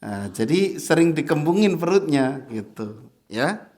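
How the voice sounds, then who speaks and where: Chatty ustadz, slightly high voice. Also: male voice, sing-song, a little mellow. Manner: chatty, laughs often, chants verses slowly as examples. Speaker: ustadz teaching Quran recitation. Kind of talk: casual mosque lesson. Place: mosque.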